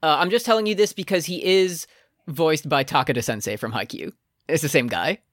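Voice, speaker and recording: A man's voice: on the high side, a little fast, dry recording, studio quality. A man co-hosting a podcast, recapping an anime in casual, joking chat. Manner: lively, joking, exclaims loudly when excited. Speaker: podcast co-host.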